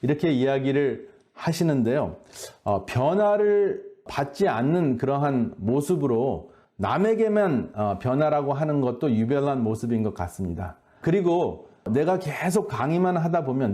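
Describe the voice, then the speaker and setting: A man giving an earnest, measured faith-based health lecture, often pausing on hesitation sounds. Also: medium pitch, mellow. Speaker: lecturer at a health boot camp.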